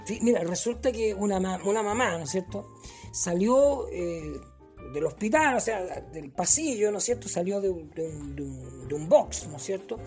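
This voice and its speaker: A man's voice: sits high, animated, moderate pace, darkish tone, faint music behind, voice pushed down. A man playing a cheeky, rambling male vagabond who tells jokes with a Chilean accent. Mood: joking. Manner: rambling storyteller full of fillers and punchlines. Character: cheeky joke-telling male vagabond, middle-aged.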